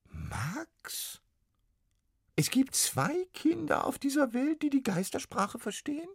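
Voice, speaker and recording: A man voicing a trapped male ghost in a storybook reading, with a very high, squeaky, shrill voice. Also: huge pitch swings, slow, vocal fry, slightly rough, no echo, clean studio sound, full character voice. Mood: cautious.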